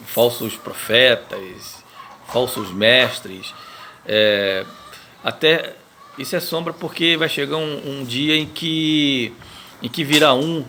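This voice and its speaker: A male pastor with a Brazilian Portuguese accent gives a daily Bible reading commentary, talking haltingly with many fillers, restarts and tag questions. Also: medium pitch, sharp tone, slight background noise.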